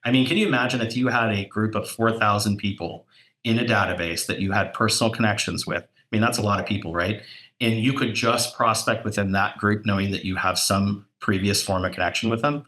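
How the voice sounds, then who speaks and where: Guy with a bright punchy voice, kinda low, telling sales war stories casually, gets animated on quotes. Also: a little fast. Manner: animated storyteller, voice jumps up for quoted dialogue. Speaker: real estate broker and podcast co-host. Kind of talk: casual storytelling chat.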